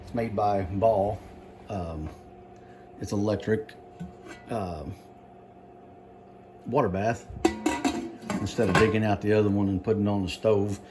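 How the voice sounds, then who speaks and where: A man giving a casual home cooking demonstration, explaining things in a halting, unhurried, folksy way. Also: fairly low pitch, steady tone, over music. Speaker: home cook presenting a recipe.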